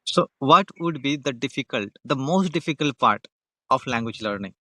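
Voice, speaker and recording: A man from India with an Indian English accent hosts a friendly, teasing English conversation practice session over video call, repeating his questions. His voice is medium-pitched, bright and forceful, with lively intonation and moderate pace, in studio quality with no echo.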